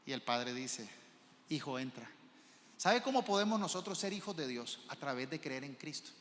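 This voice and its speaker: Bright-voiced pastor preaching in a hall. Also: male voice, on the high side, animated, brisk. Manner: preaching, asks the congregation questions, swings between soft and loud. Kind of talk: sermon. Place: church. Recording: reverb of a large church hall.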